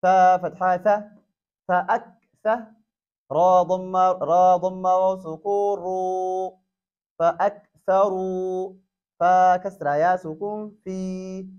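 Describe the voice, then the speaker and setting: Spelling each letter and then blending the syllables into whole words, a high-voiced man teaches Quran reading at an unhurried pace. His pitch barely moves, his tone runs darkish, and faint music sits behind the dull, lo-fi recording.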